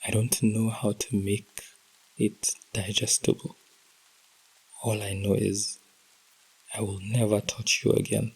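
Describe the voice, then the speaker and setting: A man hosting a podcast, reading a heartbroken letter aloud in a slow, emotional, intimate delivery that drops to whispers at times. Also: lowish voice, flat delivery, creaky, husky, rough recording. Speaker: podcast host.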